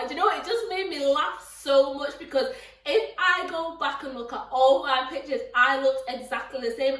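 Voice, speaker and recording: A young woman vlogging, telling stories in a lively, laughing way and often jumping into mocking voices. Her voice sits high, and it sounds roomy and a bit distant from the mic. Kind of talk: casual storytelling to camera.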